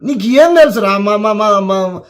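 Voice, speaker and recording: Telangana-accented man, high voice, heated scolding political rant. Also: lively intonation, unhurried. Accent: Telangana Telugu. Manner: heated, scolding, repeats words for emphasis. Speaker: political commentator.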